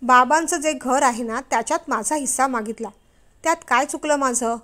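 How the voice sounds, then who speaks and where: Young storybook wife, read by a woman: high, pleading, persuasive. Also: normal speed, fairly bright tone. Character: worried young wife, coaxing then defiant.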